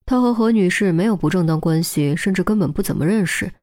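A woman's voice: lowish voice, fast, a little mellow, lightly acted. A woman voicing a detached young male forensic expert who explains his deductions in a matter-of-fact way. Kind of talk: audiobook character voice.

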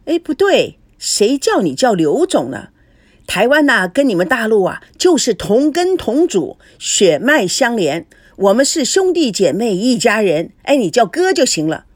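A woman's voice: on the high side, sing-song, unhurried, no echo. A woman playing a glib, flirty middle-aged man. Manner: wheedling and glib.

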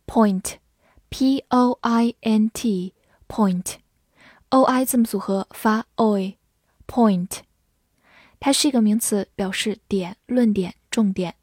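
A young woman teaching English vocabulary in a recorded lesson, spelling words out letter by letter and reading example sentences slowly and deliberately. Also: mid-range voice, darkish tone, slightly rough, no echo, studio quality.

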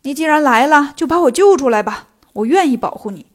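A woman's voice: high voice, lively intonation, fairly quick. A woman voicing a cocky, boastful male monkey king hero in a storybook telling. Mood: pleading.

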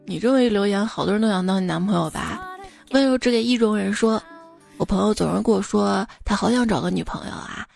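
With a mid-range, slightly mellow voice marked by vocal fry, a young female host rattles quickly through listener-submitted jokes. She teases, chats, and cracks up at her own punchlines in this playful radio-style monologue. Faint music plays behind her.

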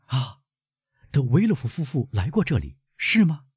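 A man's voice: medium pitch, big pitch swings, moderate pace, darkish tone, breathy edge, no room sound, clean studio sound, voice pushed up. A man voicing an anxious, devoted young granddaughter who keeps pressing her questions urgently. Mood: anxious pleading.

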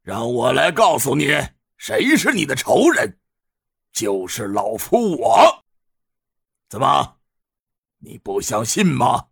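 A male storyteller voicing a stern, vengeful old man in his seventies or older, who denounces an enemy slowly and weightily in a gravelly voice. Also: mid-range voice, wildly swooping pitch, full character voice. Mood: scornful. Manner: slow, weighty denunciation.

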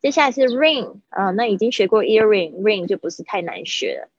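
A woman's voice: mid-range voice, animated, husky, dry recording, dull audio. Chatty woman teaching English words. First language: Chinese. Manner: chatty, repeats words slowly to model pronunciation. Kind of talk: livestreamed vocabulary lesson.

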